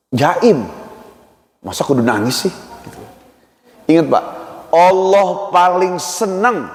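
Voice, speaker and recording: A man preaching a humorous mosque sermon, chatty and joking as he acts out little dialogues. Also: a little high. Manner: jokey and conversational, acts out dialogues. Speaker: ustaz preacher. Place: mosque hall. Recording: echoey hall reverb.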